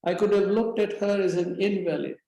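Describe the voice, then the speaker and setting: Male interview guest, measured reflective storyteller, mellow dark tone, very echoey room. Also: sits high, gravelly. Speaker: interview guest, spiritual mentor.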